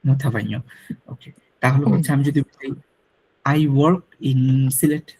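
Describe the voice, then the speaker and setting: Husky-voiced man teaching French. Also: medium pitch, darkish tone, low-quality recording. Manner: patient, repeats drills slowly. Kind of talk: classroom lecture.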